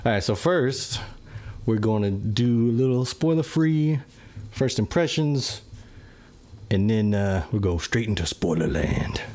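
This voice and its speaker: A relaxed man hosting a movie review show, his voice sitting on the low side. He rambles along in easygoing chat and fills the gaps with "uh" and "you know". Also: unhurried. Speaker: podcast host.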